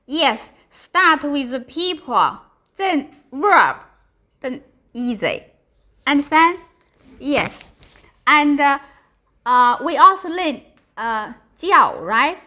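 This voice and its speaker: A woman's voice: high voice, sing-song, slow, long pauses, sharp tone. A woman with a Chinese accent, a native Mandarin speaker, teaching a beginner language lesson in simple, clipped English with short phrases and check questions. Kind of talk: live beginner language lesson, explaining with examples.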